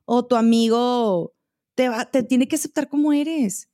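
High-voiced Mexican woman, animated storyteller. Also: measured pace. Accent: Mexican Spanish. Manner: animated storytelling full of slang and swearing. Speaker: podcast host. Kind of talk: casual chat.

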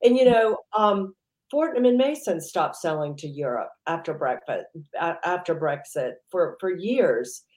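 A woman with a lowish voice chats loosely as an interview guest, circling her points and filling gaps with "you know". The recording has a noticeable roomy echo. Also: lively intonation, measured pace, a little mellow. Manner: rambling, heavy use of "you know". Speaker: entrepreneur guest. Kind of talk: casual interview chat.

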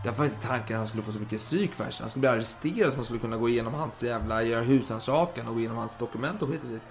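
A man casually and animatedly retelling history as a podcast host, swearing freely and acting out scenes. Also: mid-range voice.

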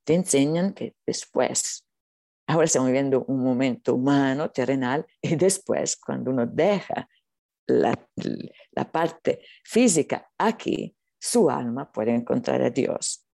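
A non-native Spanish speaker giving an earnest, unscripted spiritual talk, haltingly searching for words. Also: medium pitch, animated, vocal fry, mellow, no room sound, clean studio sound. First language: not Spanish. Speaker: spiritual teacher being interviewed.

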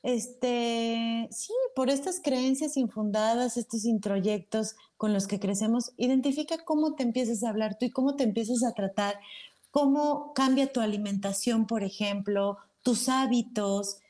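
Woman guest on a talk show, calm and explains things, slightly high voice. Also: measured pace.

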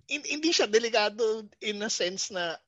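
A man co-hosting a podcast, jumping in with quick, short remarks. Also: high-pitched, expressive, fairly bright tone, dry recording, dull audio. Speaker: podcast co-host. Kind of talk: casual banter.

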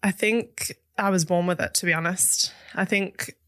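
A woman's voice: fairly low pitch, fairly even intonation, moderate pace, a bit bright, dry recording, clean studio sound. A young woman from Western Australia, a business founder speaking frankly and reflectively as an interview guest. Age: young adult. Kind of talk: candid interview talk.

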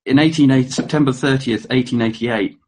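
Speaking a little fast in a medium-pitched, darkish voice, this man presents history informally to a room. He fills it with ums and uhs, self-corrections, and wry asides, and there's a faint hiss or hum.

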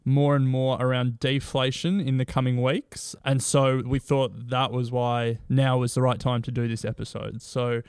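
A man co-hosts a casual investing chat while recording from beneath a blanket at home. The sound is muffled-dry with no room around it, but his voice stays smooth and resonant. He tosses in deadpan jokes as he goes. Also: medium pitch, normal speed, hardly any pauses, no room sound. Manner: dry, joking asides. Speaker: podcast co-host.

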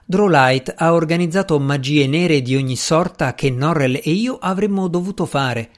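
A man reading aloud voices a reserved gentleman magician, curt and measured in his speech. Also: on the high side, lightly acted. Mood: grave. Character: brusque reserved gentleman magician, cool and dry.

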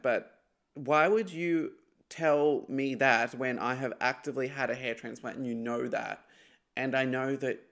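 A man's voice: medium pitch, a bit bright. A young man with a lisp, hosting a casual solo podcast and telling a gossipy story with laughing asides. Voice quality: lispy. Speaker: podcast host.

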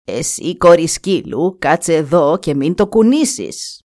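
A woman voicing a spiteful, scornful old stepmother in a storybook tale, sneering at her stepdaughter and shrill when outraged. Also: lively intonation, darkish tone.

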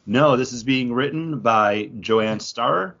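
Speaking slowly with vocal fry, this male podcast host has a medium-pitched, fairly bright voice as he casually discusses comic books. The recording is muffled, dull lo-fi audio.

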